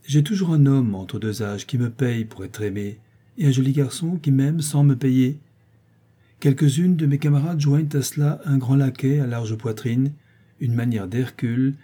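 Guy putting on a cheeky young dancer girl, scolding and playful, kinda husky, storybook reading. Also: mid-range voice, dark tone, close to an everyday voice. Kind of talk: audiobook character voice.

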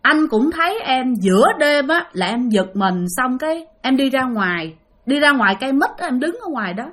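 A woman's voice: high-pitched, expressive, moderate pace, a bit bright. Woman doing a worried, coaxing husband.

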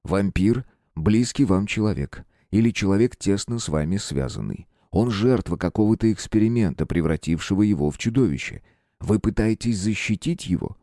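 A man's voice: on the low side, animated, moderate pace, mellow, no echo. A man voicing a composed detective who speaks in a dry, stern, restrained way. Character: stern composed male detective, young nobleman.

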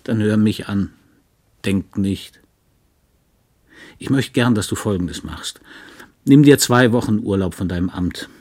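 A man voicing an earnest middle-aged husband in an audiobook reading, speaking softly and haltingly, with sincere pleading. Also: lowish voice.

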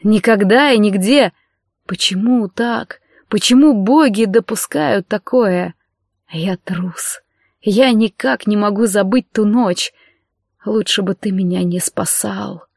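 A woman's voice: mid-range voice, slow pace, gravelly, a little mellow, no room sound. A despairing young nobleman, as a woman reads him, pleading in a shaky, tearful voice and flaring into bitter outbursts. The recording is dry and close, with no room around the voice. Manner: pleading, tearful, bursts into outcries. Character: young nobleman, anxious, bitter, self-pitying.

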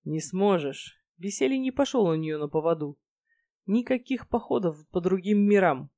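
A woman narrating a first-person fantasy romance audiobook in a wry, lively storytelling manner. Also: medium pitch, moderate pace, dry recording.

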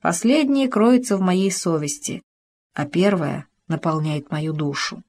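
A woman's voice: fairly low pitch, a little slow, a little mellow. A woman voicing an ardent young male officer in an audiobook, reading his lines with impassioned pleading.

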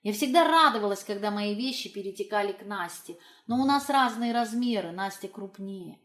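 A woman's voice: mid-range voice, animated, normal speed, fairly bright tone, lightly acted. A woman reading the part of an educated young woman who confides in a friend in a wry, self-mocking way, for an audiobook. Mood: confiding.

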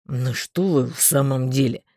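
A man's voice: mid-range voice, normal speed, dry recording, studio quality, natural voice. A man voicing a good-natured, blunt male companion in an audiobook, talking in a hearty, plain way.

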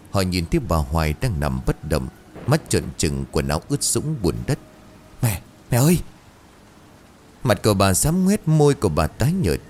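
Deep-voiced man telling a ghost story. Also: a little mellow, a little hiss or hum. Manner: dramatic, suspenseful telling. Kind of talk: scripted ghost story narration.

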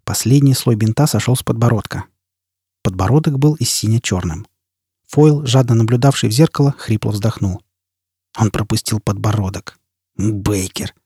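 Husky, dark-voiced male narrator. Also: lowish voice, moderate pace, dry recording, clean studio sound. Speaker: audiobook narrator. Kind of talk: scripted narration.

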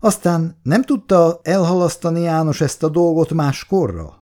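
A man's voice: a little high, lively intonation, dark tone, pitched above the performer's own voice, natural voice. A man voicing a worried middle-aged mother who frets, scolds and laments. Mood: fretful scolding. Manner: fretful, complaining and lamenting.

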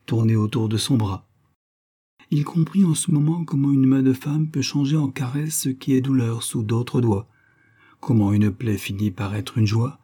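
A man reading a serial novel aloud as an audiobook, with measured, expressive phrasing in short clauses. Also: fairly low pitch, slightly rough. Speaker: audiobook narrator.

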